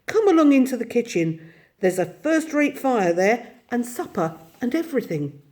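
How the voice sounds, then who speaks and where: A woman voicing a gruff but kindly old male badger who speaks heartily, in a storybook reading. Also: on the high side, very animated, moderate pace, a little mellow, pitched above the performer's own voice. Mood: hearty. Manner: hearty, grave.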